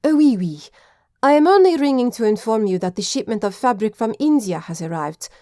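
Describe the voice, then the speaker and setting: A woman's voice: on the high side, lively intonation, a little fast, warm tone, no room sound, clean studio sound, close to an everyday voice. A woman voicing a polite, eager French woman who manages a dress shop, with a French accent.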